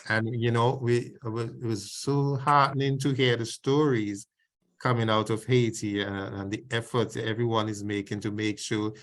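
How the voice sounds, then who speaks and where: A man's voice: medium pitch, fairly even intonation. Man hosting an online information session. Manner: formal, measured, with frequent restarts. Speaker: programme host. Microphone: video call.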